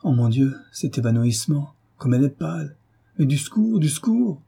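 A man's voice: fairly high pitch, big pitch swings, moderate pace, creaky, dark tone, breathy edge, pitched above the performer's own voice, heavily acted. A man voicing a frantic teenage boy who cries out in a heartbroken voice, read as an audiobook. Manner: heartbroken crying out. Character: frantic teenage son, terrified for his mother. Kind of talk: audiobook reading.

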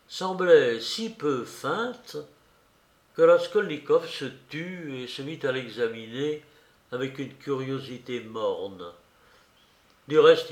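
Slow, measured male audiobook narrator. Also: medium pitch, reverberant. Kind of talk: literary novel reading.

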